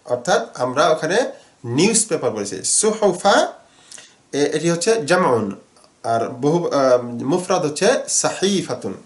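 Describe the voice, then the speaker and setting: A man teaching Arabic grammar in Bengali, explaining slowly with many fillers and repeated words. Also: fairly high pitch, big pitch swings, reverberant.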